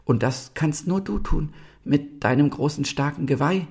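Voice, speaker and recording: A man reading a storybook aloud and voicing a brave, sensible young doe who speaks clearly and earnestly. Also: a little high, sing-song, moderate pace, darkish tone, voice pushed up. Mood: pleading.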